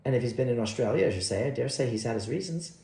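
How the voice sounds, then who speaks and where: A prim older housekeeper, placid and opinionated, rambling on with great dignity, as a man reads her in an audiobook. The voice is gravelly and mellow, with a lively rise and fall. It sounds like an echoey room. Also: mid-range voice, very fast, close to an everyday voice. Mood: gossiping.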